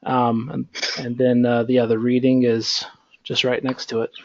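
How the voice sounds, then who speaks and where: A man's voice: mid-range voice, moderate pace, muffled recording. A male instructor lecturing an online class over a computer call, rambling with lots of fillers. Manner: rambling, filler-heavy, relaxed. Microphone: computer mic on a video call.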